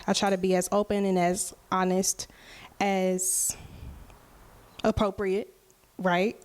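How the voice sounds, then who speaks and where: Delivery is flat and a little mellow, pitched in the middle range, from a woman in her twenties. She's a musician hosting her own podcast, talking slowly and candidly to listeners and often tossing in "right?".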